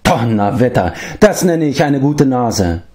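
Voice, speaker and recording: A man voicing a jovial, talkative bard who declaims with lively emphasis in a storybook reading. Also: mid-range voice, measured pace, voice pushed up. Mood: hearty.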